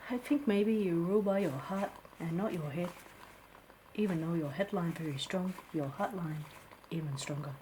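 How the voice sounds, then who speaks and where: A woman playing a blunt, teasing palm reader in an ASMR role-play, with a Singaporean or Malaysian English accent, clipped grammar and deadpan, musing delivery. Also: fairly low pitch, normal speed, lightly acted, rough recording. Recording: clear steady background noise.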